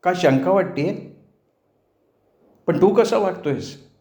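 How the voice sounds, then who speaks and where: Guy putting on a playful young village girl, voice pushed up higher, roomy echo. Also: expressive, takes it slowly, darkish tone, heavily acted. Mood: teasing, pleading. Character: young village woman in love, teasing.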